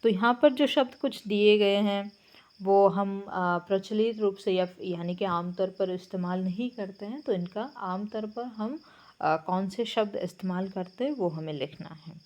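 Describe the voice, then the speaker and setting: A woman's voice: mid-range voice, a little slow, a little mellow. A woman with a Bengali accent, explaining textbook answers as a Hindi teacher, with a patient manner and frequent hesitations.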